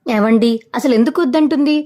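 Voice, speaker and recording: A woman's voice: sits high, fairly quick, warm tone, natural voice. A woman voicing an insistent young husband. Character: earnest young husband pressing for answers.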